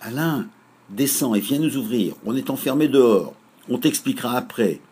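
A man's voice: mid-range voice, animated, normal speed, a little mellow, breathy edge, voice pushed up. A man voicing an inventive, bossy young boy in a storybook reading, speaking raised and eager. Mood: eager, urgent.

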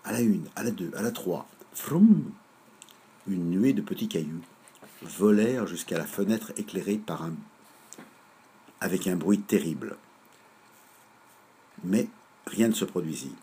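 A man reading a children's story aloud in a measured, lively way. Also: deep voice, slightly rough.

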